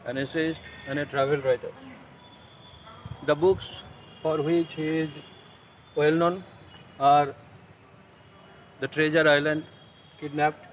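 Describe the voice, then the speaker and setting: Male teacher with a Bengali accent, slow and careful lecture delivery, faint hiss behind. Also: a little high, poor audio. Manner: slow, deliberate explaining, mixing English with Bengali. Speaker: school English teacher. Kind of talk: online class lecture.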